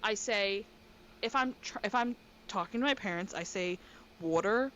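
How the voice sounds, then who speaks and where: A woman co-hosting a casual podcast chat from her bedroom, talking quickly and excitably. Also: medium pitch. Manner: fast, excitable talker. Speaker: podcast co-host. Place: bedroom at home. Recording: dull lo-fi with faint noise.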